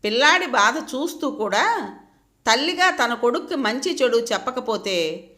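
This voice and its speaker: A woman reads an audio story aloud, expressive and emotive. Her voice is fairly high and bright, with lively rises and falls. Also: measured pace. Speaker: narrator. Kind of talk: scripted audio-story narration.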